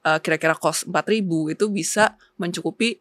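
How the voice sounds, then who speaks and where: A woman's voice: fairly low pitch, fairly quick, a bit bright, no room sound, studio quality. A young woman, a company co-founder as a talk show guest, explaining with figures and many fillers, slipping in English words. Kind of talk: casual talk show interview.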